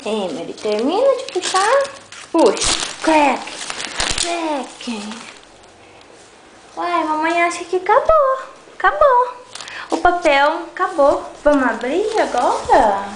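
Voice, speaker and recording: A young mother with a very high voice coos and coaxes her baby in slow, sing-song encouragement. She speaks from behind a handheld camcorder in an echoey room at home, with loud background noise. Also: sing-song. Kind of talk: home video baby talk.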